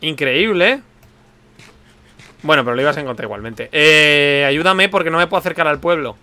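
A man from chatting with friends while playing a game, animated and teasing, with sudden exclamations. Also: on the high side, moderate pace, clean tone, no echo. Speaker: lets-play host. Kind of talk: casual game chat.

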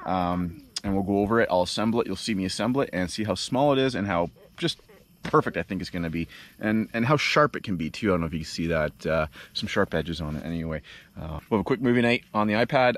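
A man's voice: fairly low pitch, lively intonation, fast. A man in his thirties making a casual camping vlog, chatting to the camera with lots of ums and uhs, outdoors beside a cornfield. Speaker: outdoor vlogger and dad. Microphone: handheld action camera at arm's length.

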